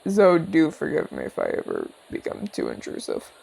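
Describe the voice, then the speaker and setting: A man voices a friendly old-soldier orc, a retired general and former border commander, calm, inquisitive and courteous, in an intimate ASMR roleplay aimed straight at the listener. His creaky, gravelly voice is a little mellow, with wildly swooping pitch, and the mood is friendly and curious. It's heavily acted, and the audio quality is poor.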